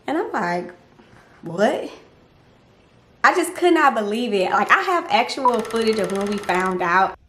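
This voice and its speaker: A young woman from Louisiana, telling a personal story to camera in a chatty, animated way. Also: mid-range voice, moderate pace, few pauses, slight background noise. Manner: chatty, animated, speaks to viewers as girlfriends. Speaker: mom vlogger. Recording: echoey room.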